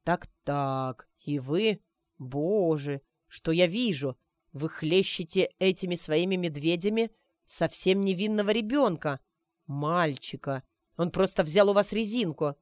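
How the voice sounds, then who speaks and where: A man's voice: high-pitched, a little slow, no room sound. A woman voicing a cocky young man who teases a friend by pretending to be a wizard, in a playful, mock-mystical way.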